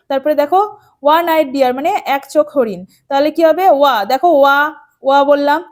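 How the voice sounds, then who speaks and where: A woman with a high, light voice talks a class of children through a grammar rule. She goes over each point patiently and again, checking often that the students follow. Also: a little mellow. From West Bengal, India. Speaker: teacher. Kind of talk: explaining an English grammar lesson.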